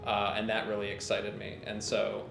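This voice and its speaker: A man's voice: on the low side, completely flat delivery, normal speed, gravelly, echoey room, music in the background. A man in his mid twenties, a projectionist, talking casually and earnestly in a documentary interview with some uh fillers. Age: 20s.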